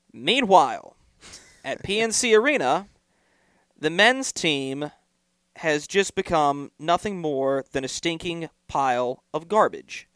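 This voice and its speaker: A man's voice: fairly high pitch, dry recording, clean studio sound. Opinionated young man hosting sports talk. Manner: opinionated, punchy delivery. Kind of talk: college sports podcast chat.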